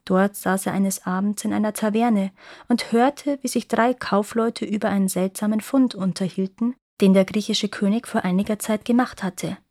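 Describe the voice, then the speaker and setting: A woman storyteller reading a fairy tale aloud with an expressive, lively delivery. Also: mid-range voice, normal speed, dry recording, clean studio sound.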